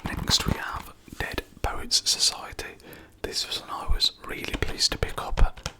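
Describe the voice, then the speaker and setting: Filler words like "um" and "yeah" punctuate the slow, soft whisper of an adult ASMR creator reviewing their own film collection.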